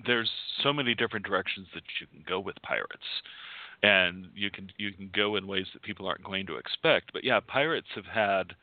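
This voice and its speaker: A man's voice: low voice, a little fast, no echo. A male podcast co-host who chats in an easygoing, joking way. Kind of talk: casual chat. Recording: dry, phone-like line.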